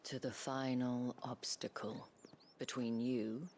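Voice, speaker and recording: An actress voicing a sly, seductive woman brothel madam in a video game cutscene, speaking in a husky half-whisper. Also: a bass voice, flat delivery, slow pace, a little mellow, slight background noise. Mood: scheming.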